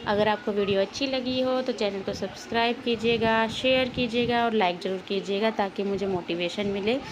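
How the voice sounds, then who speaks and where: A woman's voice: mid-range voice, fairly even intonation, normal speed, noisy background. A woman teacher explaining a textbook lesson, asking questions and then answering them herself, with English words mixed into her Hindi.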